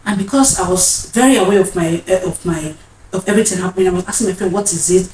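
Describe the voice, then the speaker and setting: A woman's voice: on the low side, fast talker, a little mellow. A woman, telling a personal story in an earnest, emotional way and often repeating her phrases. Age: 30s. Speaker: vlogger. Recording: roomy, distant mic, faint noise.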